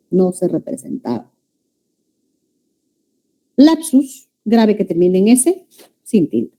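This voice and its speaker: Lively dark-voiced woman lecturing. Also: fairly low pitch. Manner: addresses students as "jóvenes", checks understanding with "¿ya?". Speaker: language teacher. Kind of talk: classroom lecture.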